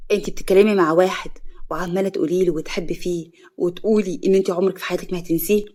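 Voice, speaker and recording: A woman voicing a young, earnest husband with an Egyptian accent, in a lowered, pleading voice. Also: fairly even intonation, racing, warm tone, close to an everyday voice. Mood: agitated.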